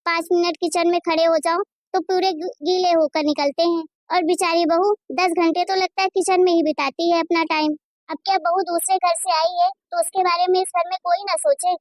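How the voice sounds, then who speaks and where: A woman doing a shrill lecturing cartoon mother. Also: no room sound, studio quality. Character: scolding, fair-minded middle-aged mother. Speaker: voice actor. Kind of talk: Hindi cartoon voice acting.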